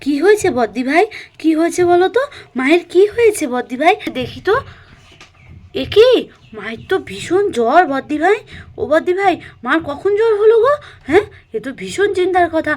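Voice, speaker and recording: A woman's voice: very high voice, big pitch swings, a little fast, darkish tone, pitched above the performer's own voice. A woman voicing a caring daughter-in-law who fusses and soothes, often ending her lines with questions. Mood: alarmed. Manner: fussing, soothing, ends with questions.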